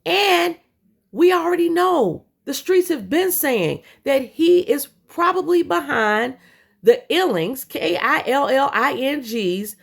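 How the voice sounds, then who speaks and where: A woman vlogger delivers a heated, profane rant at her audience. Her voice sits high and swoops up and down, with a gravelly fry at the ends of phrases. She is blunt and scolding, and she often trips over repeated words. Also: lively intonation, takes it slowly. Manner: repeats and restarts words when worked up. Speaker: commentary vlogger.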